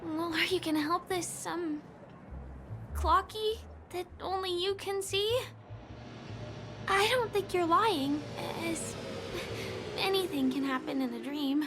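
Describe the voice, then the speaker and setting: Casting: kind, unsure young woman in a video game. Very high voice, unhurried, polite and tentative. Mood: puzzled, hesitant. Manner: hesitant, polite. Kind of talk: video game character dialogue. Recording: music under the voice.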